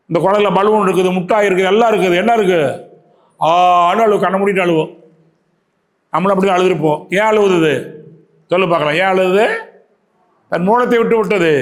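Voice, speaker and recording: A man with a Tamil Nadu accent giving a spiritual talk to a yoga class. He keeps asking his listeners questions, repeats key phrases and recites verses slowly. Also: high voice. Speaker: yoga teacher.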